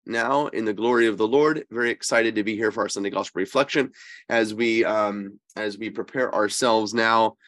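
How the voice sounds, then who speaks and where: A man's voice: lowish voice, normal speed, a bit bright, no room sound. Wheezy, congested man teaching about faith. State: congested and slightly wheezy with a cold. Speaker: priest and co-host. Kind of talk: conversational religious teaching.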